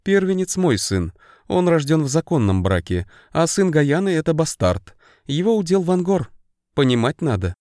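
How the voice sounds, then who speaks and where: Мужчина читает аудиокнигу и озвучивает расчётливую, властную гномку приподнятым голосом, говоря по-деловому и наставительно. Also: male voice, on the high side, big pitch swings, moderate pace, a little mellow, no echo, clean studio sound, pitched above the performer's own voice. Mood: lecturing. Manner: matter-of-fact, commanding. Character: shrewd female dwarf schemer, brisk and bossy.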